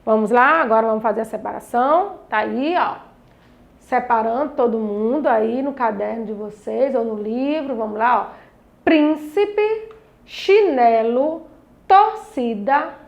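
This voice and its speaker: A woman's voice: fairly high pitch, vocal fry. A woman teacher with a Brazilian Portuguese accent, patiently coaching young pupils through a grammar lesson, stretching out words syllable by syllable. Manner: patient, drawn-out syllables, coaxing questions to pupils. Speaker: primary school teacher. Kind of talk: recorded grammar lesson for children.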